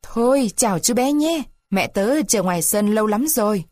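A woman voicing a tiny cheerful baby chick in a storybook reading, with a high chirpy voice and a hurried manner. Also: lively intonation, a little mellow, no room sound, studio quality, close to an everyday voice. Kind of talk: storybook read-aloud.

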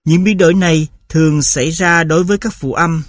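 A man reads a textbook aloud at an even, measured pace, with a voice a touch higher than most men's. He taps out examples in short, clipped rhythmic beats. The recording is close and dry, with no room sound. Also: no room sound. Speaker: narrator reading a linguistics textbook. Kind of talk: audiobook-style textbook reading.

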